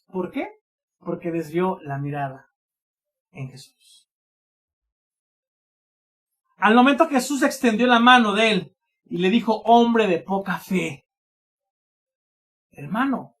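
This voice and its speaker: A man delivering an impassioned sermon. He leans on repetition and direct address to his congregation, dropping to near-murmurs before bursting out again. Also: extremely high pitch. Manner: impassioned preaching, swings from loud exclamations to hushed asides; repeats phrases for emphasis, addresses listeners as brothers. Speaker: pastor.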